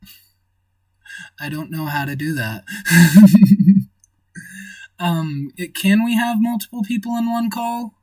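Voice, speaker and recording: Slow, husky-voiced man streaming. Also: sits high, a little mellow, dry recording, recorded from a distance, faint music behind. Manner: rambling, thinks aloud while reading chat. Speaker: livestream host. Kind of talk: casual livestream chat.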